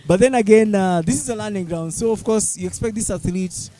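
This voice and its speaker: A man with a Kenyan accent hosting live sports commentary in a halting way, with many fillers. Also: high-pitched, mellow, a little hiss or hum. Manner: halting, filler-heavy delivery. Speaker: sports event commentator and host.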